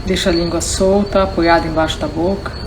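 A Brazilian woman leads a guided meditation in short, slow instructions with long pauses between them. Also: on the low side, steady tone, noisy background.

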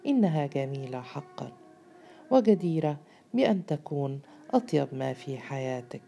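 A woman reading the lines of a gentle, persuasive young wife from a storybook. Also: deep voice, very animated, moderate pace, creaky, full character voice. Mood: coaxing.

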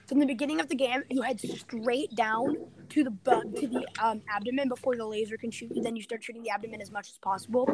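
A woman's voice: on the high side, fairly even intonation, fast, background noise. A woman co-hosting a podcast in casual chat. She is emphatic and opinionated, cuts in over her co-host and lays out game strategy step by step. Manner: emphatic, opinionated, jumps in over the other speaker.

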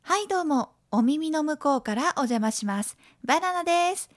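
With music in the background, a woman from Tokushima, Japan, in her late 30s to 40s, chats by herself on her podcast at a moderate pace. She's playful and lively, switching to a higher voice to act out quoted lines.

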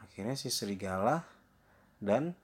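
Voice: mid-range voice, animated, a little slow, breathy edge. A storyteller retelling a fairy tale in a loose, casual way with fillers and asides.

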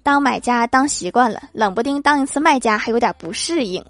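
Reading short jokes on her comedy podcast, this woman acts out the quotes, tells them playfully like stories, and laughs at the punchlines herself. She sounds animated and a bit bright, pitched on the high side and speaking fairly quickly, with a little hiss or hum on the recording.

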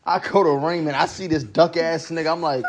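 A man's voice: fairly high pitch, fairly even intonation, fairly quick. A young man hosting a podcast, telling stories in casual, profane slang, often breaking into laughter. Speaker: podcast host. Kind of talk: casual chat, storytelling.

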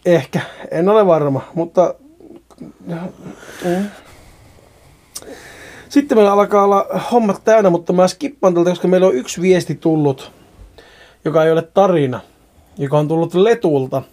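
A man's voice: sits high, pauses often, a little mellow. A man hosting a podcast, chatting casually and joking while reading listener mail. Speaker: podcast host. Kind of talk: casual chat.

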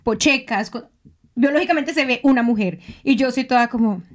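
A woman co-hosting a casual podcast chat, animated and dropping in English phrases. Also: a little high, brisk. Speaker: podcast co-host.

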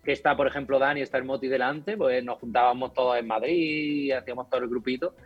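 A man's voice: mid-range voice, quick pace, breathy edge, lo-fi sound, soft background music. A man from Córdoba with a faint Andalusian accent, a voice actor chatting animatedly as a podcast guest over a video call. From Spain, Córdoba. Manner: animated, mimics other voices. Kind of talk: casual podcast chat.

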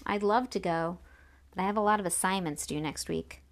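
A woman voicing a gentle, responsible eldest sister in an audiobook, soft-spoken. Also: on the low side, a little fast, close to an everyday voice. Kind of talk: audiobook character reading.

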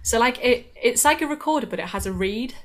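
Woman, Northern English accent, podcast guest, relaxed filler-heavy chat. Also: on the high side, fairly quick, soft background music. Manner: chatty, lots of fillers. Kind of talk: casual chat.

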